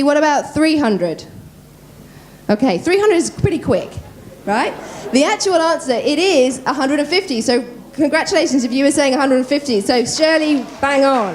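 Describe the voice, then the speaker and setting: Animated quick-talking woman voice coach. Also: high voice. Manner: lively, quick-talking, quizzes the audience. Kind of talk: conference workshop talk. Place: conference room.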